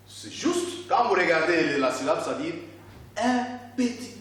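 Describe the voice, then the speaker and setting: Slow-spoken teacher in an echoey room. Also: male voice, sits high, recorded from a distance, slight background noise. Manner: slow, deliberate, stretching out syllables and repeating words. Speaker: primary school teacher. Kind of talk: classroom reading lesson. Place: classroom.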